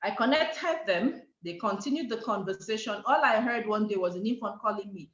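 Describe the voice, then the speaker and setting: Animated Nigerian woman telling a story. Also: mid-range voice, fairly quick. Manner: animated, acts out quoted dialogue. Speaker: guest speaker. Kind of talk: storytelling talk. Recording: echoey, dull online call audio.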